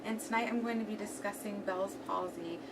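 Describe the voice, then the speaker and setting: A woman's voice: medium pitch, fairly quick. A young adult woman giving a prepared student presentation to a class, her speech slightly numb and impaired on one side of the mouth. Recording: distant mic, clearly noisy room recording.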